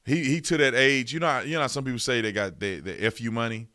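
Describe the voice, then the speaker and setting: A man's voice: mid-range voice, quick pace, pushed and bright, no room sound, clean studio sound. A man hosting a radio talk show, giving casual political commentary in informal, folksy phrasing with emphatic repetition.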